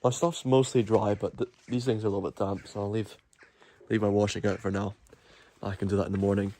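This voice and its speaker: A Scottish man with a fairly low, very soft-edged, mellow voice chats casually to his livestream. He rambles in a jokey, mock-boastful way. There is faint noise and clicking behind him. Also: little pitch movement, a little fast. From Scotland. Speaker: live streamer. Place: at home, moving between outdoors and indoors.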